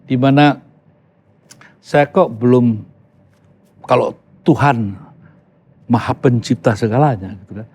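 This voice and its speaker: Slow and full of long pauses, this medium-pitched male voice is slightly mellow with a breathy edge. The speaker is an older man from Yogyakarta, Indonesia, chatting casually as a podcast guest, emphatic and sprinkling in English phrases.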